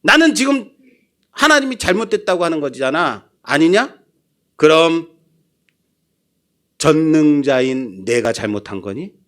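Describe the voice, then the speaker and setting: A man voicing God as an older male deity who scolds and challenges with rapid-fire taunting questions. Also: very high-pitched, expressive, a bit bright, voice pushed up. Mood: indignant.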